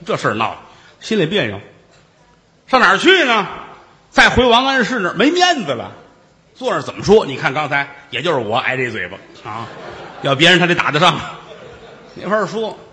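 A man telling a traditional story in a comic style, with lively jokey asides to the listeners. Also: sits high, big-room sound.

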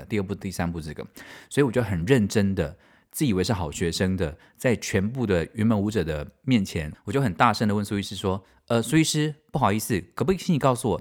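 A middle-aged man with a Taiwanese Mandarin accent, hosting a podcast and telling stories in an animated, self-mocking way with frequent laughter. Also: fairly low pitch. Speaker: podcast host and stage director. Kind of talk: casual storytelling, answering listener mail.

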